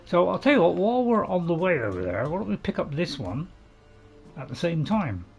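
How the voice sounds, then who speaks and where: A man's voice: on the high side, big pitch swings, brisk, gravelly, faint music behind. A man giving rambling, casual commentary as he plays a video game. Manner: rambling, chuckling asides. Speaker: gamer recording a playthrough.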